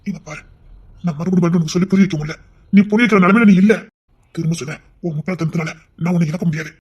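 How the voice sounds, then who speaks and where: A man voicing a possessive, lovesick young husband in an audio romance drama, talking in an insistent, commanding way that turns low and tender. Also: very fast, darkish tone, husky, dull audio.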